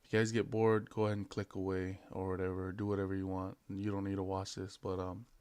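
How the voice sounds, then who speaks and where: Talking fast in a low, monotone, darkish voice, a late-20s man from American Samoa and Hawaii rambles casually and hesitantly through an unscripted vlog. The sound is smooth with no room sound.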